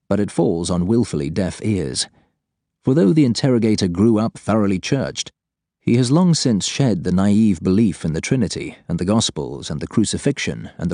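A man's voice: low-pitched, dark tone, no echo, studio quality. A man reading scripted fiction as an audiobook narrator.

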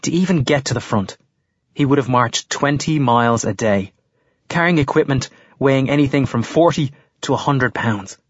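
An actor playing an earnest history teacher who lectures in a measured, explanatory way. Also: male voice, medium pitch, dry recording, lo-fi sound, close to an everyday voice. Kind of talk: audiobook character voice.

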